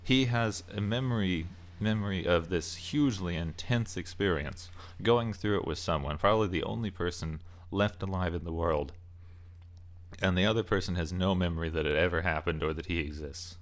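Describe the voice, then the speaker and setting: At a normal speed and in a low voice, a male video channel host shares his unscripted take on game movies. He thinks out loud in broken bits of phrasing, ranting casually.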